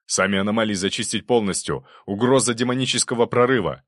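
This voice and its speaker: A man voicing a rough, scheming middle-aged official who talks curtly and commands with contempt. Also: lowish voice, moderate pace, no room sound, studio quality, lightly acted. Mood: commanding. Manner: coarse, curt and commanding.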